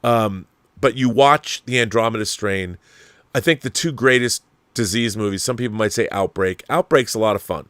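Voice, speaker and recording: A man hosts a film and TV commentary show, answering viewer messages with casual, opinionated takes, rambling emphatically, repeating himself and swearing freely. His fairly low voice moves at normal speed, with a fairly bright, clear, resonant tone and no room sound.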